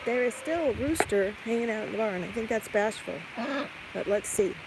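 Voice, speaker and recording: A woman with a fairly high, animated voice speaks at normal speed while hosting a casual livestream walk-about in the farmyard, barn and chicken coop. She rambles and thinks aloud to viewers during chores, cooing questions at the animals, all caught on a noisy handheld phone or camera with clucking chickens, a rooster and farm ambience.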